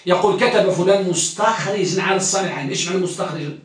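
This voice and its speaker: Male lecturer, high voice, quizzes students and repeats points; far from the mic in a very echoey classroom. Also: rapid-fire. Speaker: teacher of hadith studies. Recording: very echoey room, distant mic.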